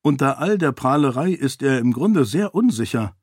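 A man's voice: mid-range voice, expressive, normal speed, slightly rough, no echo, studio quality. A man voicing a bold, outspoken young noblewoman in an audiobook. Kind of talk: audiobook dialogue.

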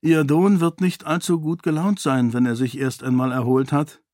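A man's voice: on the high side, little pitch movement, normal speed, a little mellow, no room sound, studio quality, voice pushed up, close to an everyday voice. Man voicing a bold young noblewoman. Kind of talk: audiobook dialogue.

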